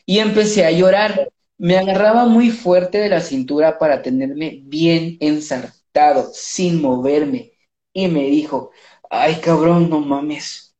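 A podcast co-host with a Mexican accent, reading an erotic story aloud in a drawn-out casual way, laughing and hesitating. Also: medium pitch, mellow. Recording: dull, roomy lo-fi recording.

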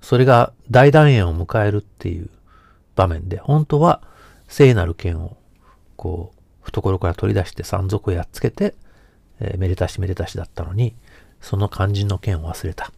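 A man's voice: low voice, normal speed, gravelly, a little mellow, no room sound. A man hosting a casual solo podcast who talks in a meandering way, hesitating often and correcting himself. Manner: meandering, self-correcting talk with many hesitations. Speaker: podcast host.

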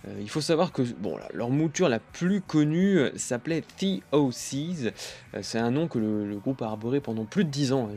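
A man's voice: medium pitch, a little mellow. A man hosting a music release podcast, talking casually with many hesitant fillers. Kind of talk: casual music review talk.

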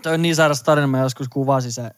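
A man's voice: medium pitch, fairly even intonation, clean tone, dry recording, clean studio sound. Young man, emphatic podcast storyteller. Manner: emphatic, swearing. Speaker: podcast co-host. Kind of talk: casual storytelling.

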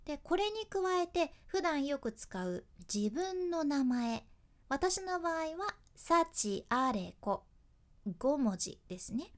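A woman with a Hakata accent, hosting a radio voice lesson and explaining step by step in a chatty, friendly way. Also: high-pitched. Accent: Hakata dialect. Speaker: radio host and voice coach.

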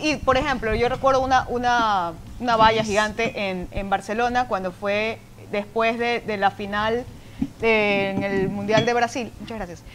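A woman's voice: on the high side, fairly even intonation, moderate pace, crowd noise. A woman co-hosting a casual group chat, explaining at length with examples and frequent restarts.

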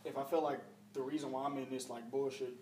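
Fast-talking man in an echoey room. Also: mid-range voice, steady tone, a little mellow. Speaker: podcast co-host. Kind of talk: casual chat. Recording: echoey room, distant mic, faint background noise.

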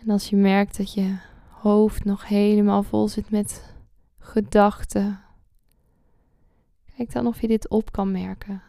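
A woman leading a guided meditation slowly and soothingly, close to the ear, her soft voice sinking into a breathy whisper at phrase ends. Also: mid-range voice, level tone, dry recording. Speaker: podcast host.

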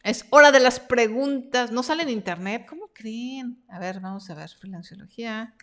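A woman's voice: on the high side, normal speed. A woman hosting a live stream Q&A about her freelance workshop, reading viewer comments aloud in a chatty, encouraging way.

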